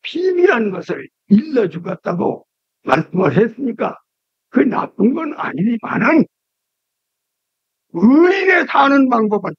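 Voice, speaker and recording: An older male pastor delivering an emphatic sermon, slowly drawing out key words and swinging sharply between high, loud cries and low, quiet drops, recorded from the pulpit on a 1999 cassette tape. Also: sing-song, husky, no room sound. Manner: emphatic preaching with sharp rises and drops in pitch and loudness; slow, drawn-out delivery with repeated key words. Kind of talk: Korean sermon. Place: church pulpit. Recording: dull, lo-fi 1999 cassette tape transfer, dry.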